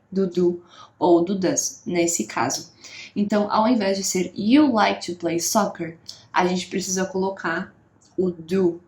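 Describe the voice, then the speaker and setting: A woman teaching English in a clear, patient way, often pausing to check that her students are following along. Her voice sits in a middle register. The recording has a noticeable room echo. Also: medium pitch, a little mellow. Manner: clear, patient explaining with frequent check-ins. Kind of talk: online English lesson. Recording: echoey room.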